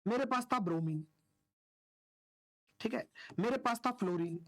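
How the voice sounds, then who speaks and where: A woman's voice: medium pitch, expressive, moderate pace. A woman teaching an online chemistry class, chatty and informal, who keeps asking questions and answering them herself. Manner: chatty, asks and answers own questions, homely analogies.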